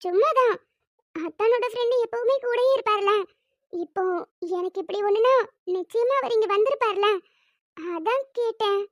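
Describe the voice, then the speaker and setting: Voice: extremely high pitch, normal speed, long pauses, no echo, clean studio sound. A performer doing a chatty teenage younger sister. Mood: curious. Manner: bright, chatty, playfully insistent.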